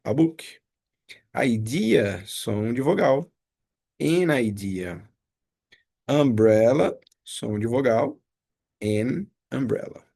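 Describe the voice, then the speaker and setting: A man's voice: mid-range voice, animated, drawn-out words, vocal fry, long pauses, dark tone. A man teaching a casual review lesson. He talks patiently, explains step by step and repeats each example. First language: Portuguese.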